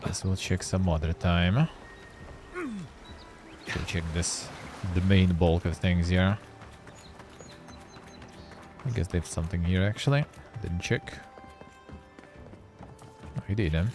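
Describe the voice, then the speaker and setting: A man's voice: deep voice, big pitch swings, slow pace, pauses often, darkish tone, faint music behind. A man streaming a video game, thinking aloud in casual, rambling commentary and tagging remarks with "eh?".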